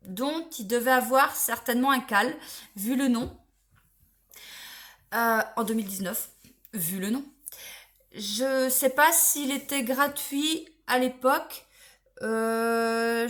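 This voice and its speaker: A woman's voice: high-pitched, fairly bright tone. A woman chatting casually on her knitting vlog, rambling a little and checking things aloud as she goes. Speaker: knitting vlogger. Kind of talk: casual chat.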